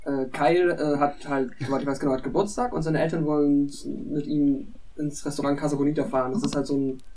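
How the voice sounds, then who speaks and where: A man in casual podcast chat, rambling through an animated retelling of a cartoon episode. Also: fairly high pitch, fast, recorded from a distance, a little hiss or hum.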